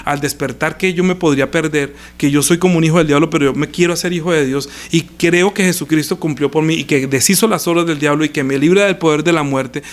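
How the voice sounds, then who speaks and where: Emphatic preacher, higher-pitched man. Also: quick pace, few pauses. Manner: emphatic, swings between loud and hushed, repeats phrases. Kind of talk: sermon with scripture reading. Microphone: live-streamed sermon.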